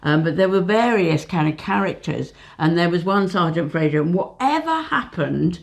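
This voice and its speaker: Older woman with a low creaky voice. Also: normal speed. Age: 60s. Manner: calm, reassuring, reflective with many fillers. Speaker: therapist and co-host. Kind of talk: casual advice conversation.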